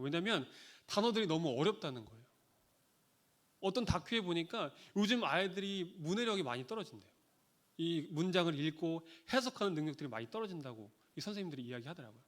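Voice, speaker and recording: High-voiced earnest male pastor preaching. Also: bright, forceful tone. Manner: earnest, acts out scolding and comforting quotes. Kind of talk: sermon. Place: church sanctuary.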